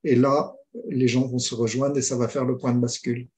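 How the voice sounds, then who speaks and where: In a conversational interview, a mediator from France thinks aloud and tells stories, speaking hesitantly with many restarts and fillers. His mid-range, darkish voice keeps a level tone and a brisk pace.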